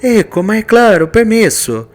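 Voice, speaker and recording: A man voicing a fiery, anxious Italian immigrant mother with an Italian accent, speaking high and insistent. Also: very animated, moderate pace, faint music behind, natural voice.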